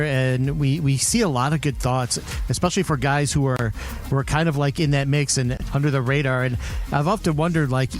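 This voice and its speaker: A man co-hosting sports radio, giving conversational analysis and commentary. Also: on the high side.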